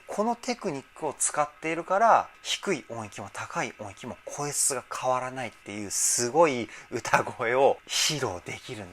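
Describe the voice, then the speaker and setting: A man working as a vocal trainer, giving casual, enthusiastic analysis of a music video's singing and breaking in with excited remarks as he explains. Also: medium pitch.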